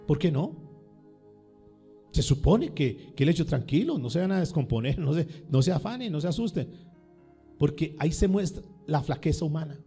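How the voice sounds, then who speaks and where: A man's voice: high voice, creaky, warm tone. A male pastor preaching a sermon, firing questions at his congregation and repeating words for emphasis.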